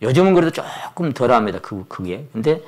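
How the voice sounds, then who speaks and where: At a Sunday church service, a man in his sixties, the pastor, delivers a sermon full of animated stories, performing the quoted voices of their characters. He speaks briskly in a medium-pitched voice.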